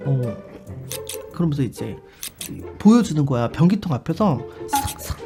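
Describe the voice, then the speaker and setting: A man chatting casually on a live stream, animated and expressive, and given to sudden shrieks. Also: fairly high pitch, moderate pace. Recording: live stream with loud background music.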